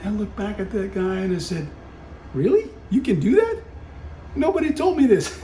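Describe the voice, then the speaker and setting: A middle-aged man who founded a company shares a personal story on a podcast, talking casually and frequently filling pauses and self-correcting. His voice is high-pitched and sing-song, warm in tone, at a normal speed. Faint hum and a roomy echo run through the recording.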